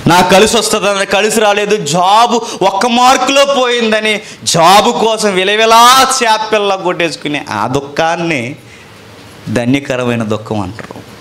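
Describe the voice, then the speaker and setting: A man preaching a sermon, swinging between raised, emphatic lines and low, hushed ones, with rhetorical questions and repeated phrases. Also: slight background noise.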